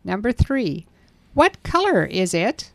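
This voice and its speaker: Female lesson reader, slow, careful prompts, very dry studio sound. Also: mid-range voice, big pitch swings, fairly bright tone, no echo. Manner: slow, clearly enunciated prompts. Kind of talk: scripted language lesson dialogue.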